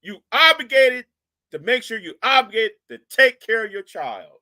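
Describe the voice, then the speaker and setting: Reacting to a video and the live chat, a male stream host scolds in a very high voice at normal speed. He's animated, repetitive, and mocking in his commentary.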